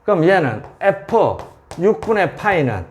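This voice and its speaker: A man's voice: high-pitched, very animated, measured pace. A man tutoring calculus at a board, repeating values and checking often that students follow. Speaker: math tutor. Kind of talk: whiteboard calculus lesson.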